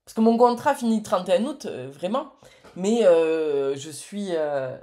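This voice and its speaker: A woman's voice: on the low side, lively intonation, unhurried, mellow. Chatty, effusive woman in her late thirties. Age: late 30s. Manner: chatty and effusive, many hesitations. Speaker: entrepreneur and vlogger. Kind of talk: casual vlog chat to camera.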